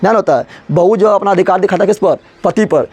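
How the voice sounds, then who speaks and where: A man's voice: sits high, fast, a little mellow, husky. A male teacher, explaining a story to his class and repeating his own questions before answering them.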